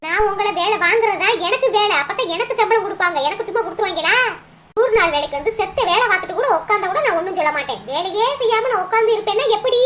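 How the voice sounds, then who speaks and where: A woman's voice: extremely high pitch, expressive, very fast. A woman voicing a bossy village work supervisor who scolds and threatens the workers. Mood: scolding. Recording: noisy cartoon audio.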